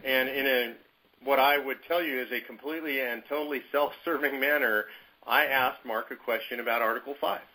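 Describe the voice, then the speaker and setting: A man's voice: medium pitch, steady tone, brisk, pushed and bright, low-quality recording. A man telling a personal story to his movement's leaders on a conference call, in a conversational, emphatic way. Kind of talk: storytelling anecdote.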